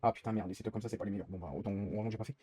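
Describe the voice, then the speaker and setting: A man's voice: fairly low pitch, fairly even intonation, racing, warm tone, breathy edge, dry recording. A young man live-streaming while gaming, rambling in casual chat and swearing often as he complains.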